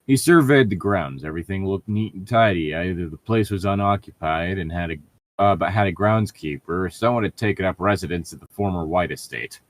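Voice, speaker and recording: Low-pitched and brisk, a man reads fan fiction aloud as a podcast host. Between lines he riffs casually, exasperated and sarcastic, often swearing.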